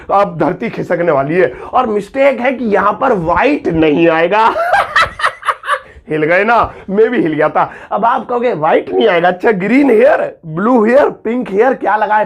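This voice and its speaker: A young man from India, an English teacher, giving a joking Hindi-language lesson and saying example sentences slowly and carefully. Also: high-pitched. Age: young adult. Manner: jokey, teasing, slow over-enunciated example sentences.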